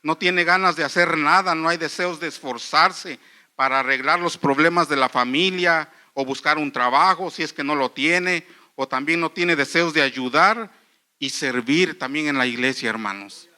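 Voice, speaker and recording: A middle-aged man preaching a sermon in church, earnest and halting, often restarting phrases and calling the listeners brothers. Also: a little high, pushed and bright. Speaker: pastor.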